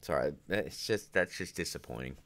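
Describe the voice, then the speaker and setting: A man's voice: rumbling low, animated, moderate pace, a bit bright. A man hosting a casual livestream, rambling and chatty in a groggy morning voice, talking from home. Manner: rambling, chatty, reads out viewer comments. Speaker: livestream host.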